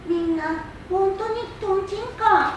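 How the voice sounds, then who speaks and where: A woman's voice: extremely high pitch, dull audio. A woman playing an earnest, curious young boy in a theatrical staged reading. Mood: reproachful. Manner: deliberate, expressive storytelling with wondering questions. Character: little prince, earnest, curious young boy from a tiny planet. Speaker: stage reader. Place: public hall stage. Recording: distant mic in echoey hall, faint noise.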